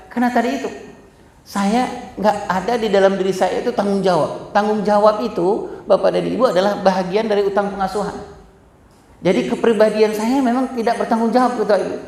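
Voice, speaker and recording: A man's voice: high voice, darkish tone. A middle-aged man gives a parenting seminar talk, speaking straight to the audience and often poking fun at himself. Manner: addresses audience directly, frequent self-deprecating humor. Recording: echoey hall.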